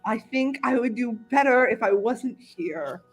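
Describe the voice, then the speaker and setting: A gloomy young detective man, as a woman game master voices him, quiet and weary, with a soft, subdued delivery. Faint music sits in the background. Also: a little high, lively intonation, unhurried, slightly rough. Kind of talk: tabletop role-play.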